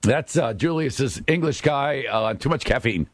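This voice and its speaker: A man's voice: mid-range voice, a little slow, dry recording. A man hosting a radio talk show in a conversational way, laughing easily. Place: radio studio.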